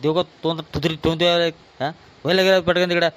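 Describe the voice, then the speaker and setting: A man with a Varhadi Marathi accent playing a drunk, quarrelsome son who loudly demands his share of the family land in a village comedy skit. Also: a little high, level tone, a little fast, natural voice. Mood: belligerent. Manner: aggressive, shouting threats.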